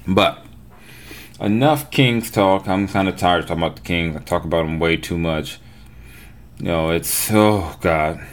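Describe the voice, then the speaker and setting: A man's voice: deep voice, measured pace. A man hosting a podcast, talking casually or reading a sponsor spot in his own voice. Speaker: podcast host. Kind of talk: casual sports and hip hop talk, with read-out sponsor spots.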